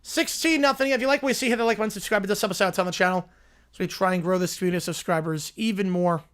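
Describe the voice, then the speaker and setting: A twenty-something guy from Long Island, New York, calls a football game play by play on a livestream, chatting with viewers and fielding their questions between plays. His voice is high-pitched, bright and smooth, with a rapid-fire delivery.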